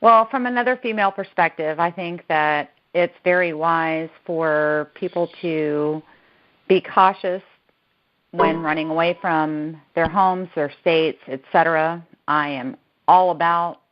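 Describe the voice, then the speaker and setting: A woman in her thirties from Florida talks bluntly and outspokenly on a conference call. Her voice sits low, and the line sounds dull and muffled. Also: a little slow. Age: 30s. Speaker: caller. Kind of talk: casual conference call chat.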